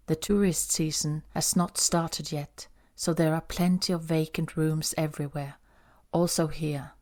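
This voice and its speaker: A woman narrating an audiobook in a calm, even storytelling manner. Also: sits low.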